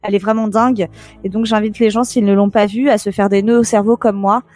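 A woman chatting casually on a show, lively and quick to laugh. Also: medium pitch, soft background music. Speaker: guest on a show. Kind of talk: casual radio show chat.

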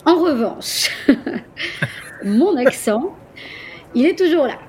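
A woman from Marseille who runs a tour company, chatting in a casual interview, animated, with frequent laughs and hesitant fillers. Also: sits high, very slow. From Marseille, France. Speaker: guest, tour company owner.

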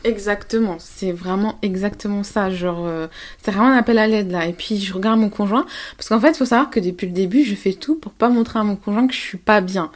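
A young woman, a podcast guest, telling her story in a casual, candid, animated way, with slang and frequent laughter. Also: medium pitch, fairly quick. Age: young adult.

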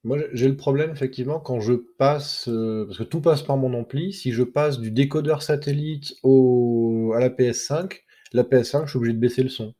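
Man, very dark voice, hesitant, casual chat. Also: medium pitch, steady tone, normal speed, hardly any pauses.

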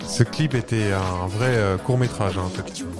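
A man's voice: on the low side, moderate pace, over music. A man co-hosting a podcast in casual chat, throwing in short teasing quips. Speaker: podcast co-host.

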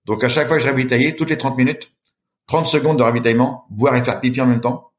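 Fast-talking animated French storyteller man. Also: mid-range voice. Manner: lively, acts out voices in his story. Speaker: guest, long-distance swimmer. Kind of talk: animated storytelling in a podcast interview.

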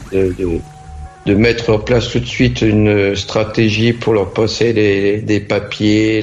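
A man's voice: fairly low pitch, darkish tone, highs cut off. A man hosting a live talk show, speaking earnestly and hesitantly as he thinks aloud, with faint music behind. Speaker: host. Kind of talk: casual live discussion.

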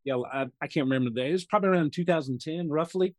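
A man's voice: on the high side, rapid-fire, no echo. A man in his sixties from the United States, a guest chatting casually in an interview and telling rambling stories while acting out what other people said. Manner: rambling storyteller who acts out other people's lines. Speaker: podcast guest, real estate investor.

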